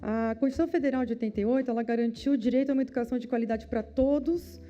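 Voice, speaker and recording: A woman opening a conference session with a formal speech and measured delivery, sometimes repeating words as she searches for them. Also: a little high, steady tone, dark tone, highs cut off. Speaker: event host.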